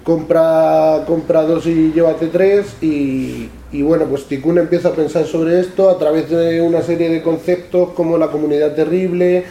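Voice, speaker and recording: This public talk features an author from La Mancha, Spain, introducing his books to an audience in a reverberant event room, speaking haltingly with repeated words and many a "¿no?". His slightly high voice has fairly even intonation and a dark tone, and there's some slight background noise.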